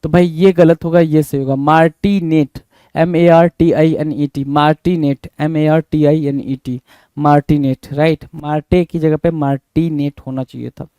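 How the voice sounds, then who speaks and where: A male teacher from India giving a spelling lesson in Hindi, repeating each word and spelling it out slowly letter by letter while talking straight to his students. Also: a little high, steady tone, dark tone, smooth, no echo. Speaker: English teacher.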